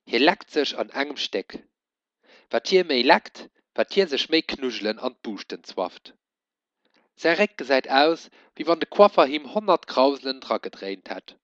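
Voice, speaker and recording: A man reads a children's story aloud, his pitch swinging in very lively, animated arcs. The sound is dry and dull, with a lo-fi edge. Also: moderate pace, no room sound. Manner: expressive, lively storybook reading.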